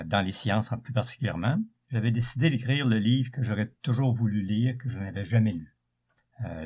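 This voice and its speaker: An older man with a Quebec accent speaks in a fairly low, husky voice. He presents his own writing informally, like a teacher explaining, often restating his phrases. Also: darkish tone. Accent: Quebec French. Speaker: author, retired science teacher.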